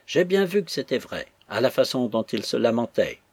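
A man's voice: mid-range voice, very animated, moderate pace, a little mellow, husky, dry recording. A man voicing a gushing, emotional young female maid who talks in a breathless torrent. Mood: overjoyed. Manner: breathless torrent of words, sobbing with joy.

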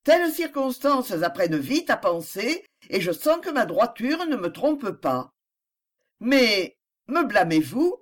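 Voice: mid-range voice, sing-song, unhurried, hardly any pauses. The reader voicing a proud, wounded young woman who protests with impassioned questions in a novel reading. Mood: indignant. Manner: impassioned, rising pleading questions. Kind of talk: audiobook character reading.

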